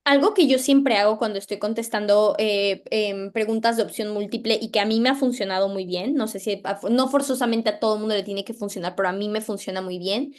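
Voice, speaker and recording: A young Mexican woman with a Mexican accent, a medical resident answering interview questions in a measured, thoughtful way with frequent fillers. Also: mid-range voice.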